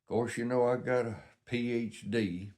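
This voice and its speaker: A man's voice: mid-range voice, steady tone, normal speed, darkish tone. An older man with a Southern US accent, telling rambling stories in a casual, folksy, plain-spoken way. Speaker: vlogger.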